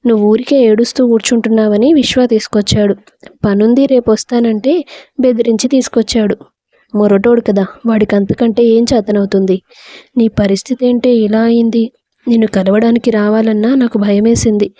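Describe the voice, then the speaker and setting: A woman's voice: on the high side, steady tone, brisk, warm tone, no echo, lightly acted. A woman voicing a chatty, worried young female best friend in a storybook reading, with a gossipy manner. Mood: concerned.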